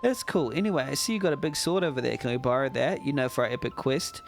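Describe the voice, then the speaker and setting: A man's voice: mid-range voice, fast talker, vocal fry, soft background music, lightly acted. A man reading aloud the lines of a friendly former adventurer mother from a game. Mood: eager.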